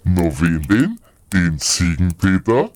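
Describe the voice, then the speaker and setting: A man's voice: low voice, very animated, takes it slowly, a little mellow, slight background noise, exaggerated voice. A man as a jovial Santa. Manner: jovial, folksy. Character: jovial beer-loving Santa Claus. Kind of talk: comic radio play.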